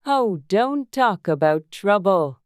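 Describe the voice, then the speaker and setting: Smug over-familiar storybook duchess, smooth and drawn out, always moralizing, close dry sound. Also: female voice, medium pitch, lively intonation, darkish tone, no room sound, voice pushed up. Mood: pleased, pompous. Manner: drawn-out, sententious delivery. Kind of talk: dramatized storybook dialogue.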